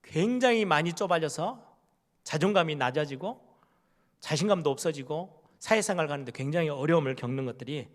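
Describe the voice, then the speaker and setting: A man's voice: fairly high pitch, expressive, brisk. A middle-aged male pastor preaching a conversational sermon, asking the congregation questions and acting out what parents and children say. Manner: acts out parents' and children's words in quoted voices.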